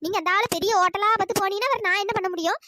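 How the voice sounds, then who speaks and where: In this dry-recorded cartoon storytelling clip, a village woman who overpaid her hotel bill wails and scolds in a squeaky, fast, pitch-shifted voice, complaining with a sharp tongue.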